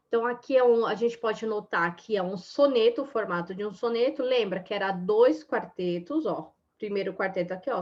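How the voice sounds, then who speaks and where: A woman teaching a lesson in a chatty, casual way, full of little fillers. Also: a little high. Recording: dull lo-fi sound.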